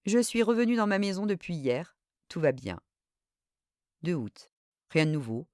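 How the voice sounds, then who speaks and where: Woman reading a story with lively expression. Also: fairly low pitch, normal speed, no echo, studio quality. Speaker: audiobook reader. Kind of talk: literary reading aloud.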